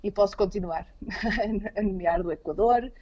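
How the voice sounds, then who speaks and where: This is a woman with a Portuguese accent, speaking casually as an interview guest who lives abroad. Her voice is medium-pitched, unhurried, and dark, and the recording sounds muffled. She often hesitates and repeats words while hunting for the right phrasing.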